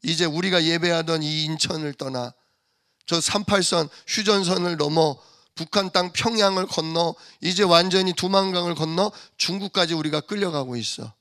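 A man's voice: fairly high pitch, normal speed, pushed and bright. A male pastor preaching a sermon with passion, acting out the voices of mockers and church members, with his voice rising and falling sharply.

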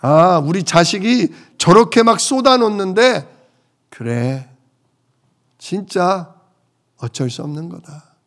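A male pastor preaching a sermon, swinging between loud emphatic lines and hushed quiet ones. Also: high voice, expressive, slow pace, pauses often. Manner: acts out quoted voices of troubled people.

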